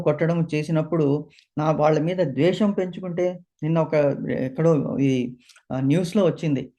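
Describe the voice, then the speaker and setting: A man's voice: on the high side, dark tone. A man giving a scripture discourse as a spiritual teacher, asking and answering his own questions and slipping English phrases into his talk.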